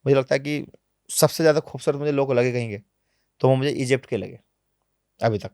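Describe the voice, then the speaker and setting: A man being interviewed on a podcast, telling travel stories in a lively, animated way, sometimes dropping to low, quiet asides. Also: brisk, no echo, clean studio sound. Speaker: travel vlogger guest. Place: podcast studio.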